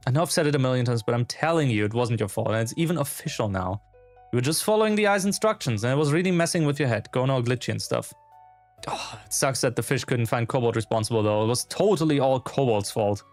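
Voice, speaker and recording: A man's voice: medium pitch, animated, quick pace, lightly acted. Guy doing a bubbly young tech buddy from a video game, chatty and reassuring, music under it. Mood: reassuring, upbeat. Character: upbeat, chatty young cybernetics technician, loyal best friend.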